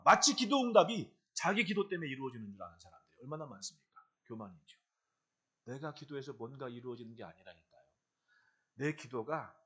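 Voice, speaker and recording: A middle-aged male pastor preaching a sermon in church, swinging between loud exhortation and low, confiding asides. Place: church sanctuary.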